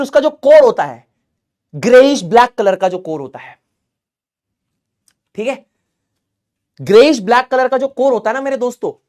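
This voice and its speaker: A male chemistry teacher lecturing in Hindi with lively, teasing energy. He jokes about English spellings and keeps his students hooked. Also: extremely high pitch. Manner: animated, joking, mocking spellings.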